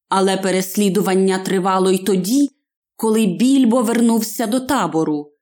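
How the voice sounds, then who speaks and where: A woman narrating a fairy-tale audiobook in a deliberate storytelling manner. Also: mid-range voice, dark tone.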